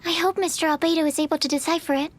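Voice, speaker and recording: Sucrose, a shy young alchemist. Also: female voice, very high voice, fairly even intonation, racing, slight background noise. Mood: timid. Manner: timid, hesitant, polite. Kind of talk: video game dialogue.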